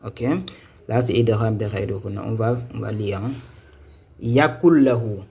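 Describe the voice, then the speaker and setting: A man teaching Quran reading in a live online lesson, patiently repeating and spelling out syllables slowly. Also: lowish voice, little pitch movement, gravelly, warm tone, breathy edge.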